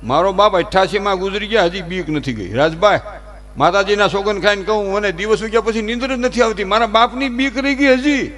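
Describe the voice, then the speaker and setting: A man telling humorous folk stories to a live audience, animated and preachy, acting out characters as he goes. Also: sits high, brisk. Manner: animated, acts out characters and preaches with raised emphasis. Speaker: folk storyteller at a dayro.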